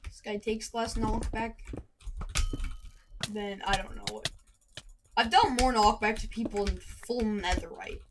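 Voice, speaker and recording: A gaming commentator with a mid-range voice and fairly even intonation talks at a measured pace, pausing often. She rambles through a casual story while playing and interrupts herself to react to the game. Her computer desk mic catches a noisy background and steady keyboard and mouse clicks.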